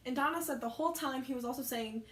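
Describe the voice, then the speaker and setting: Young woman rambling thru a storytime, kinda high voice, roomy echo. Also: fast talker, a bit bright. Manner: rambling, chatty, self-correcting. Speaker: vlogger telling work stories. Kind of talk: casual storytime chat. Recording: echoey room.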